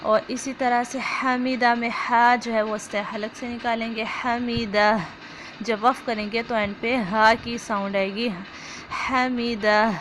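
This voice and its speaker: A woman with an Urdu accent teaching an online lesson, reciting phrases slowly and then explaining pronunciation step by step. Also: fairly high pitch, level tone, fairly bright tone, slight background noise. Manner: slow drawn-out recitation, then brisk explanation.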